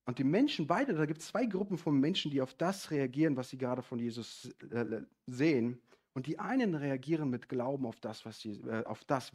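A young man preaching a sermon, animated and rising to loud, emphatic passages. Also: mid-range voice.

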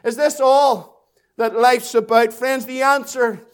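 An extremely high-pitched man with fairly even intonation preaches an impassioned evangelistic sermon. Phrases come back again and again, emphatically stretched for dramatic weight.

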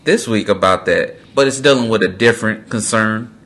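A man's voice: fairly low pitch, moderate pace, fairly bright tone. A man hosting a casual podcast, loose and profane, repeating words for emphasis. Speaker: podcast host.

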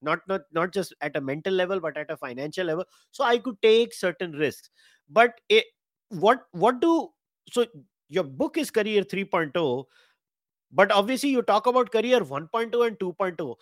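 A man in his forties with an Indian English accent, hosting a podcast interview and talking quickly and animatedly, mixing in Hindi. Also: sits high, very animated, no echo, studio quality. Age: 40s. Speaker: podcast host. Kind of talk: conversational interview.

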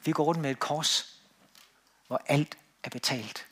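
Male preacher, slightly high voice, emphatic swells and quiet drops, church sermon. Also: noisy background. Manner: emphatic, rising on key words then dropping to quiet.

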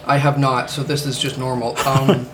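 A man's voice: mid-range voice, level tone, normal speed, fairly bright tone, a little hiss or hum. A man hosting a casual podcast chat, rambling with many fillers and the odd swear word. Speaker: podcast host.

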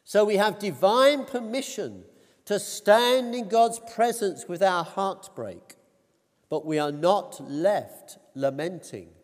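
A man preaching a sermon in a measured, deliberate way, his voice rising on quoted cries. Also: high-pitched, animated. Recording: long reverb of a church hall.

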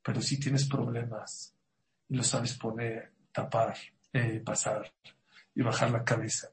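A man's voice: mid-range voice, flat delivery, unhurried. Dramatic man telling a story. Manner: dramatic storyteller, swings from loud outbursts to near-whispers. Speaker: rabbi giving a talk. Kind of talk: storytelling sermon.

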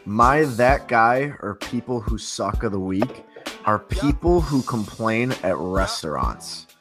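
A man's voice: lowish voice, expressive, takes it slowly, over music. A man co-hosting a casual podcast, blunt and emphatic, swearing freely. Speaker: podcast co-host.

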